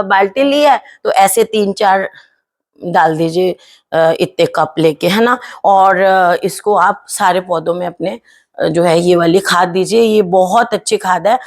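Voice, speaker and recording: A woman hosts a home gardening tutorial, talking in a chatty, explanatory way with frequent fillers and tag questions, and into her speech. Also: medium pitch. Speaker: gardening channel host.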